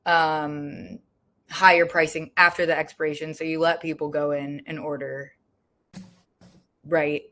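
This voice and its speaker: Upbeat woman host with a lower voice. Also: level tone, unhurried, pauses often, sharp tone. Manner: upbeat, affirming, asks follow-up questions. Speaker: interview host. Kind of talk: casual interview chat.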